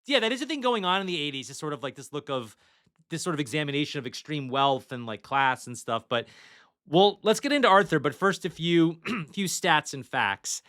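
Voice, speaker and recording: Bright-voiced chatty male podcast host. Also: on the high side, expressive, a little fast. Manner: chatty, reads trivia off notes, casual swearing. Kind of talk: casual movie podcast chat.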